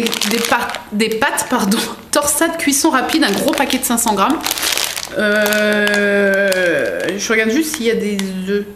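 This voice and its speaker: A woman vlogging an unboxing in a casual, rambling way, full of fillers and self-corrections. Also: a little high. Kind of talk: casual chatty product unboxing. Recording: echoey room with faint background noise.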